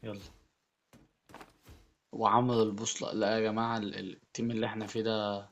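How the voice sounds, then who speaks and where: A man with an Egyptian Arabic accent giving excitable Let's Play commentary as a gaming YouTuber, often repeating his words. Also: fairly low pitch, brisk, slight background noise.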